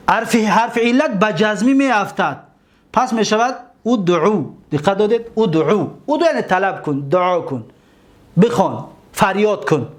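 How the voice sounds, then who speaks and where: A man with a high-pitched voice leads a grammar lesson in a patient teaching tone. He draws out each word form slowly and repeats it. He keeps asking his listeners whether they are following. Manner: slow drawn-out recitation of word forms.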